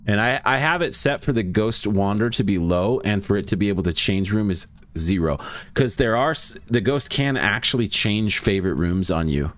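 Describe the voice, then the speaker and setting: A man's voice: fairly low pitch, lively intonation, normal speed, fairly bright tone. A young adult man casually chatting with viewers while playing a ghost-hunting game, rambling between gameplay notes. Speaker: streamer. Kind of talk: casual gaming commentary.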